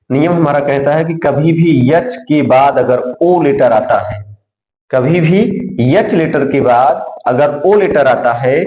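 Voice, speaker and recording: A man's voice: mid-range voice, darkish tone. Teacher man in an echoey room. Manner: repeats questions and answers them himself. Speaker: English teacher. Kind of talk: classroom lesson.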